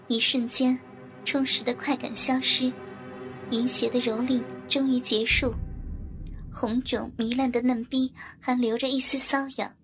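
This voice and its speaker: A woman narrating a scripted adult audio story in a soft, even delivery. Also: high voice, unhurried, music in the background.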